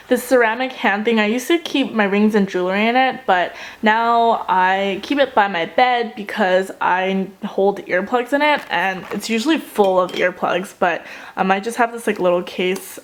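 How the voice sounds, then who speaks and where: A young woman vlogging in a casual, chatty style, with a muffled, swallowed-sounding voice from being a little sick with tonsillitis. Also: medium pitch. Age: young adult. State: mildly sick, recovering from tonsillitis. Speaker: video blogger.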